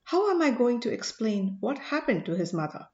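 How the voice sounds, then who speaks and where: A woman narrator with a high, slightly mellow voice and measured authority gives emphatic audiobook dialogue as a commanding male sage, earnest, probing, and mildly excitable, delivered very animatedly. The recording is muffled with plenty of room echo.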